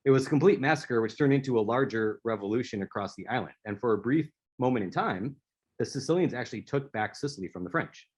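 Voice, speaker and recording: Talking fast with lively intonation, this man has a medium pitch, a darkish tone and a breathy edge. He speaks as an author in a prepared speaker-series presentation, telling stories with a few restarts.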